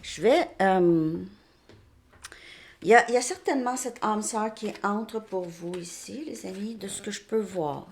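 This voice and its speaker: A woman's voice: mid-range voice, measured pace, slight background noise. Chatty Québécois woman reading tarot. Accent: Québécois French. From Quebec. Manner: chatty, repeats "ok?" often, frequent restarts. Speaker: tarot reader. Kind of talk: casual tarot card reading. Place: home, outside Montreal suburbs.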